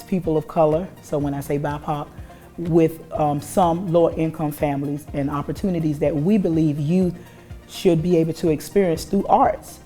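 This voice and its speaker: A woman's voice: low voice, warm tone. A woman who founded and directs an arts nonprofit, speaking in an interview in an earnest, uplifting way.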